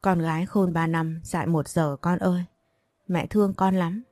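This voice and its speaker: A woman's voice: fairly low pitch, steady tone, moderate pace, a little mellow, dry recording, clean studio sound, lightly acted. A woman voicing a worried, stern but loving mother who presses her daughter with urgent questions. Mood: worried, pressing.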